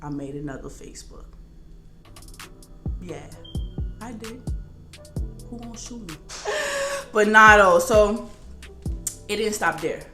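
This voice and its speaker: A young woman vlogger telling a casual storytime, animated and slangy, often laughing. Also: mid-range voice, slow, long pauses. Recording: roomy echo with faint music.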